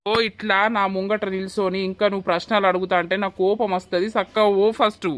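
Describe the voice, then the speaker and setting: A man's voice: sits high, little pitch movement, quick pace, a bit bright, no room sound. A man voicing a hot-tempered young village husband in a cartoon, with a blunt, scolding way of talking. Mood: angry. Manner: blunt, scolding then pleading. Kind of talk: cartoon voice acting.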